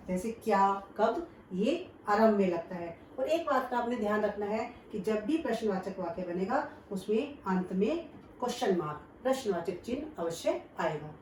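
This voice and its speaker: A woman's voice: mid-range voice, darkish tone, a little hiss or hum. A woman teaching Hindi grammar to children, patiently explaining each point with examples. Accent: Indian Hindi. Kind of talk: classroom grammar lesson. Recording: roomy echo, voice from a distance.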